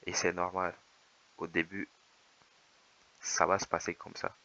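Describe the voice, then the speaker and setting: A man with a low, creaky, fairly monotone voice gives patient voice-over advice as a dating coach. His tone is bright and edgy despite the depth, and the recording sounds a little dull and lo-fi. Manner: measured, reassuring, explanatory. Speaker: dating coach commenting on footage. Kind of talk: calm voice-over commentary.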